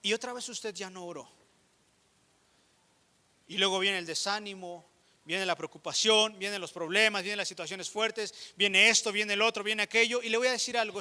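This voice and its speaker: A man with a Mexican accent preaching a sermon as pastor, speaking straight to his congregation in an animated way. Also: high-pitched. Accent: Mexican Spanish.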